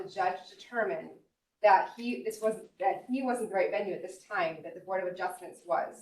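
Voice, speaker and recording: A woman from Minnesota giving formal public testimony at a hearing, earnest and apologetic, with many pauses and ums. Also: fairly low pitch. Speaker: appellant speaking at a public hearing. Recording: echoey hall, distant mic, faint noise.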